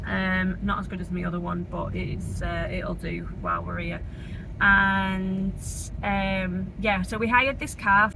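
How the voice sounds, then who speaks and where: A woman's voice: mid-range voice, sharp tone, low-quality recording. A young woman with a Northern English accent, chatting informally and rambling through a casual travel vlog. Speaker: travel vlogger. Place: inside a moving car. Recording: clear car and road noise. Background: car engine and road noise.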